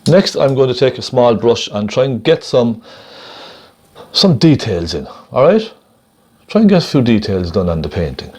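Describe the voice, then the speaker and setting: Man, medium pitch, gentle painting instructor, encouraging, unhurried, casual step-by-step demonstration, thinking aloud. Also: big pitch swings, husky.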